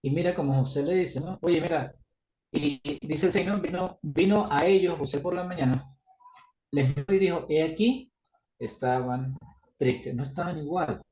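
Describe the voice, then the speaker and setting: A man gives a chatty sermon, with a fairly high but mellow voice. He keeps restarting and tacking on little questions, and he slips into quick acted-out dialogues. The recording sounds dull and boomy, as if made in an echoing room. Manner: conversational, many restarts and tag questions; acts out dialogue in shifting voices. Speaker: preacher. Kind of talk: Bible study sermon.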